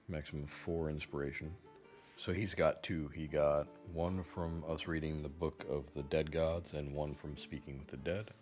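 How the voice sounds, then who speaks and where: A man giving casual game commentary, often reading on-screen options aloud. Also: extremely low pitch. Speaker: gamer, channel host.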